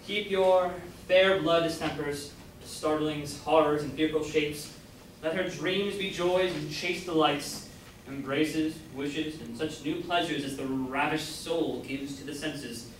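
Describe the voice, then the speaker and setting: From a distance, in a very echoey college room with faint noise, a young man reads verse in an amateur staged reading. This student actor plays an ardent, brooding lover, his slightly high voice keeping a steady tone as he takes it slowly.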